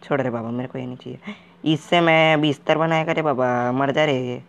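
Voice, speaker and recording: A man with a mid-range, steady voice and some vocal fry, lightly acted on a muffled recording, plays a bumbling wanderer in a gaming video. Baffled and jittery, this clueless, excitable, uneducated character gives comic in-character commentary, jumpy and naive, stretching out a "re baba" catchphrase at the end of almost every line.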